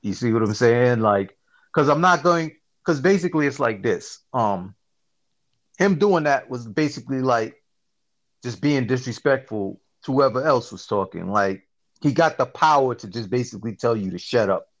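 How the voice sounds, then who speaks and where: A man hosting a casual podcast, telling stories in an animated, slangy way and often asking "you see what I'm saying". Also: medium pitch, normal speed. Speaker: podcast host. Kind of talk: casual chat.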